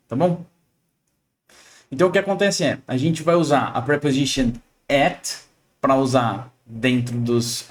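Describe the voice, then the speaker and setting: A young man from Brazil teaching an English lesson in a chatty, explanatory way, often checking in with the listener and shifting his intonation to model questions. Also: mid-range voice. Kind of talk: casual online lesson.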